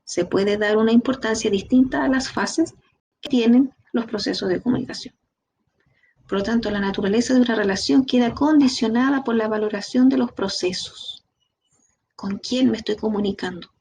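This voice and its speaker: A woman with a Chilean Spanish accent giving a training lecture, lively, asking her students rhetorical questions. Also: fairly high pitch, normal speed, gravelly, breathy edge. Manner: lively, talks to the class directly with rhetorical questions. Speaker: instructor.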